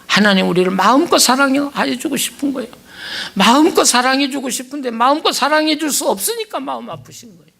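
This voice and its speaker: Gravelly older man preaching. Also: very high voice, animated, a little fast, fairly bright tone. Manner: storytelling, chuckling, then earnest prayer. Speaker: revival preacher. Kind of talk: sermon. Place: church revival meeting.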